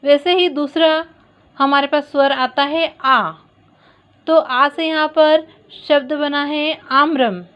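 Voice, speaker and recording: A woman with a high voice teaches young pupils in a recorded digital lesson. She speaks slowly and patiently, spelling things out step by step. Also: steady tone, dull audio. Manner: slow, patient explaining to children.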